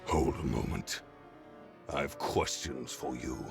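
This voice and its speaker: An actor playing a stern, menacing ruler in a video game, with a low gravelly growl and a commanding, formal manner. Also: male voice, slow pace, full character voice. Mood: stern suspicion. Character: stern, menacing male sovereign giving orders. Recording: game music behind the voice.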